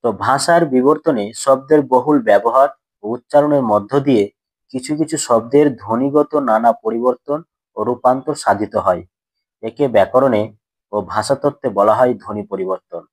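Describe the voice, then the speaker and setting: A man's voice: medium pitch, moderate pace, breathy edge, no echo, poor audio. A man teaching a grammar lesson to school students, who poses questions and answers them himself and repeats the key points.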